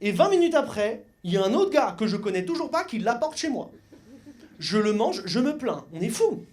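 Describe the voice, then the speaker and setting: A young man from Mayenne doing lively stand-up comedy on a club stage, joking and acting out the people in his stories. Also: sits high, normal speed. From Mayenne, France. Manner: lively, joking, acts out voices of others. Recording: live club recording with audience laughter.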